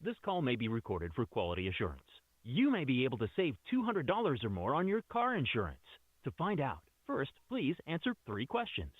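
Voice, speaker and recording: A man's voice: medium pitch, wildly swooping pitch, brisk. Man's upbeat recorded phone message. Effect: recorded phone message, robocall. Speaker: automated sales call voice. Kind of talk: scripted promotional prompts. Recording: tinny phone line with faint hiss.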